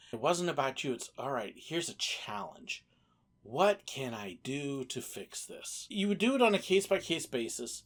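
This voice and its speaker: A woman telling casual stories as a former theme park entertainer, acting out bits of conversation as she goes. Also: fairly low pitch. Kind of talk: casual anecdotal storytelling.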